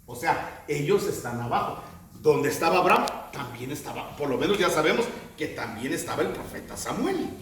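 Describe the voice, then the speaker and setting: A man preaching a sermon, telling the story with animated delivery and acting out quoted voices. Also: on the high side, moderate pace, slight background noise. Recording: very echoey room, mic at a distance.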